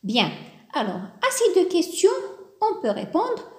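A woman's voice: extremely high pitch, huge pitch swings, a little slow. A woman teaching a French grammar lesson, patiently repeating each verb form and stressing the key words. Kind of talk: slow, deliberate grammar lesson. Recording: roomy echo.

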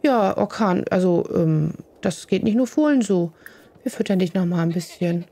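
A woman with a lowish, mellow voice hosts a casual gaming let's play at normal speed. She is animated, chatting as she plays and cooing fondly at the animals in her game.

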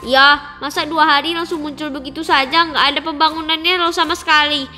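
A woman's voice: sits high, fairly even intonation, fairly quick, pushed and bright, soft background music. A woman voicing a sceptical, scolding young police officer in a children's role-play, full of exclamations and questions. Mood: puzzled.

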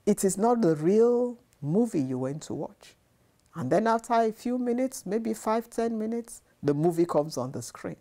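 Seated on a sofa in her living room, a middle-aged woman delivers an earnest devotional sermon to camera on a lapel mic. Her medium-pitched voice is dark in tone, with lively intonation at a moderate pace. She repeats phrases for emphasis.

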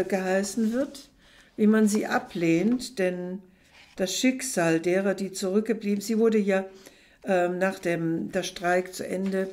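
A woman's voice: on the low side, darkish tone. A woman talking thoughtfully about a book, with hesitations, and then reading passages from it aloud. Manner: thoughtful, hesitant, many pauses. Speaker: book presenter.

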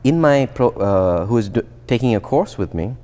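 With a medium pitch and moderate pace, an Indian man in his thirties, a visiting researcher, talks about his career in a relaxed interview. He is reflective, restarting sentences often and using filler words. The recording comes from a lapel mic in a glass atrium with plants.

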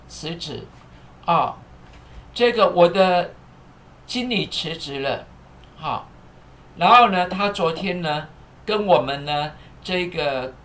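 Here a man with a slightly high, fairly bright voice teaches English live, spelling words out one letter at a time, repeating every phrase, and filling gaps with fillers. Along the way he thanks viewers and asks the crew to fix captions.

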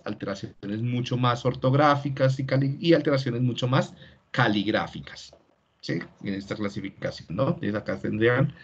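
A man's voice: medium pitch, breathy edge. A man giving an online class lecture and explaining step by step, often checking in with "¿sí?". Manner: explanatory, tags many lines with "¿sí?". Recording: dull lo-fi video call audio.

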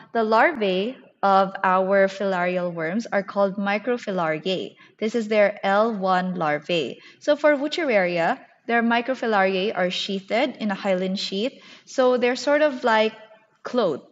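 Woman teaching a class, muffled and echoing. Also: medium pitch. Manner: teacher addressing a class, explanatory. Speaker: medical lecturer teaching a class. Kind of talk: scripted slide lecture. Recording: muffled, reverberant narrated slide recording.

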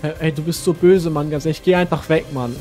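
Fast, whiny young guy in role-play. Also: fairly high pitch, fairly even intonation, darkish tone, faint music behind. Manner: whiny and complaining, keeps saying "Mann" and "Bro". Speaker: gaming channel host playing his own character. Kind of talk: casual game role-play.

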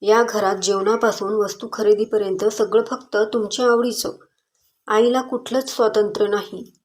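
A woman's voice: medium pitch, level tone, normal speed, a little mellow, natural voice. A woman voicing a determined young daughter who speaks up firmly and earnestly in a story reading. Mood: defiant. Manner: firm, earnest pleading.

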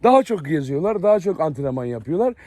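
A man's voice: on the high side, sing-song, fast talker, dark tone, dry recording, studio quality. A man casually chatting to viewers while walking around his outdoor dog yard and kennels. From Turkey. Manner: chatty, addresses viewers often. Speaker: dog breeder vlogger. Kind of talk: casual chat to camera.

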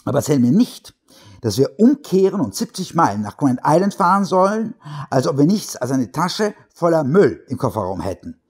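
A man's voice: on the high side, sing-song, moderate pace, darkish tone, slightly rough, voice pushed up. A man voicing a stubborn, irritable husband who speaks harshly and insistently to his wife.

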